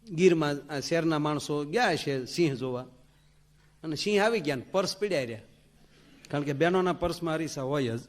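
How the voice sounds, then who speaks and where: A man's voice: on the high side, expressive, brisk. A man telling a comic folk story, acting out the village characters. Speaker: folk comedian.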